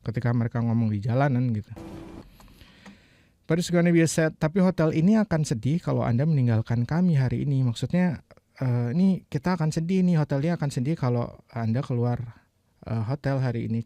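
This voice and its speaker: Mellow, relaxed male teacher. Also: medium pitch, no echo. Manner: relaxed, chatty, repeats phrases slowly while explaining. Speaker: English teacher. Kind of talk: casual explanatory lesson.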